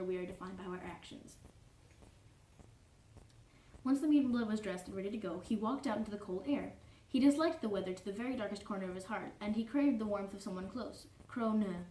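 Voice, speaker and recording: A woman's voice: mid-range voice, warm tone, natural voice. Woman playing Kankri, a prim fussy troll. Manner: pedantic, formal, constantly correcting and apologizing. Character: prim, fussy, easily offended young male troll. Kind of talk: cosplay character reading fanfiction aloud. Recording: roomy echo, distant mic, faint noise.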